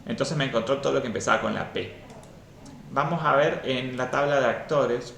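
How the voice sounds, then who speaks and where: A man's voice: mid-range voice, steady tone, moderate pace, gravelly, a bit bright, echoey room. A man teaching a programming class live and explaining step by step, often checking in with "¿sí?".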